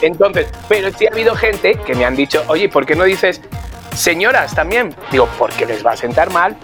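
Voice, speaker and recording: Low-voiced, lively woman with a Spanish accent. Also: normal speed, music in the background. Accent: Spain Spanish. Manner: animated, often tags "¿sabes?". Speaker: podcast co-host. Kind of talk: casual chat.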